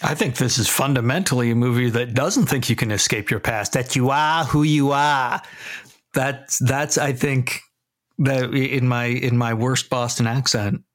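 A man's voice: medium pitch, steady tone, moderate pace. A man co-hosting a casual film podcast, musing and thinking aloud, often restarting his sentences. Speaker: podcast co-host.

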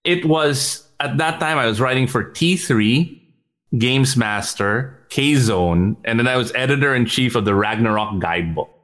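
A man guesting on a podcast as a startup executive, speaking at a mid pitch. He talks quickly, laughs often, trips over repeated words and mixes into his English. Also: fairly bright tone. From Philippines. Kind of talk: casual interview chat.

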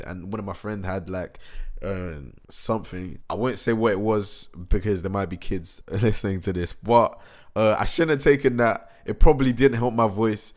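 A young man chats through a vlog in a low voice. He rambles and restarts, full of excitement, with a slight hoarseness from a recent cold. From England. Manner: excitable, rambling, slangy, many fillers and restarts. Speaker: musician. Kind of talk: casual vlog recap.

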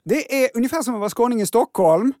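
Animated, high-voiced male podcast host. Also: no echo, studio quality. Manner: lively, reads listener letters. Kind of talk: casual podcast chat.

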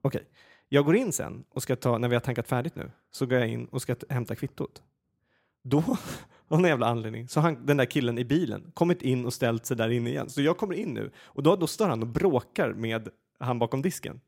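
A man telling a personal story in a casual podcast chat, animated and full of fillers and restarts. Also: mid-range voice, creaky.

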